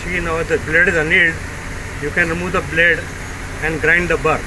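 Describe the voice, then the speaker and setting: A man giving slow, step-by-step instructions while demonstrating a machine in a workshop. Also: fairly high pitch, level tone. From India. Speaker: product demonstrator. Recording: noisy workshop recording.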